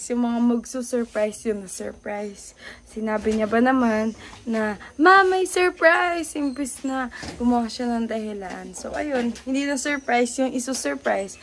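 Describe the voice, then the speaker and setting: High-voiced woman vlogging casually. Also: a little hiss or hum. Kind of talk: casual vlog chat. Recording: chatter of people around.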